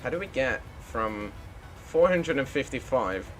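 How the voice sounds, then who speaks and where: A man's voice: medium pitch, sing-song, measured pace, soft background music. A man live-streaming a flight simulator, chatting casually and making the odd pilot radio call.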